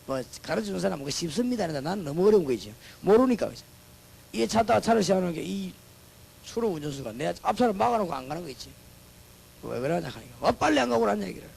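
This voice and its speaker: High, gravelly Busan-accented preacher. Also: male voice, very animated, fast talker, rough recording. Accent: Gyeongsang (Busan) Korean. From Busan, South Korea. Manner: swings between loud proclamations and chatty, joking anecdotes. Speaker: pastor, guest preacher. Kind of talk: sermon.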